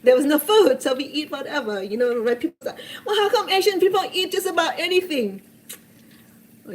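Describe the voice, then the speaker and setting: In a rough recording with a little background noise, a Cambodian-accented cooking show host in her sixties talks in a voice that sits high. Originally from Cambodia, she shares her story sincerely and warmly, frequently starting over.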